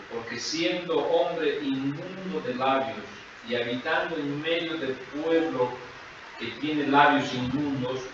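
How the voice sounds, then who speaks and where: Slow, distant male scripture reader. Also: mid-range voice, noisy background. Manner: slow, deliberate reading. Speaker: congregation member reading scripture. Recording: distant, echoey, dull room sound.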